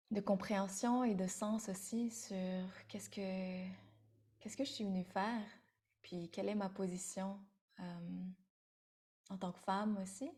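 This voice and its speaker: A woman in her thirties, originally from Vietnam, leads a spiritual sharing circle in an unhurried, meditative way. Her voice is soft and dark in tone, and her pitch stays level and even. She hesitates often and repeats words as she searches for them. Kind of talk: spiritual talk to an online audience.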